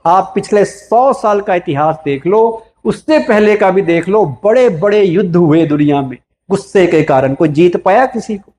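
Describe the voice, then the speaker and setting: Indian male spiritual speaker, high-pitched voice, lively preaching style that poses and answers questions, acts out quoted lines. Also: normal speed, few pauses. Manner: asks the audience questions and answers them himself. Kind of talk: motivational spiritual talk to a live audience.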